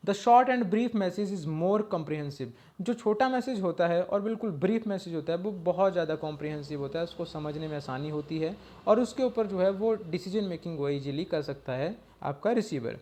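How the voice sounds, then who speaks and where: Teaching exam prep off slides, this man speaks in a high voice at normal speed with a darkish tone. He goes step by step, frequently saying "okay" and reading slide lines in English.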